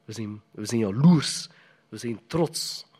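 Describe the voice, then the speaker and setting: A man's voice: medium pitch, lively intonation, slow, darkish tone, slightly rough. A man preaching a sermon in a conversational, emphatic way, often putting questions to the congregation.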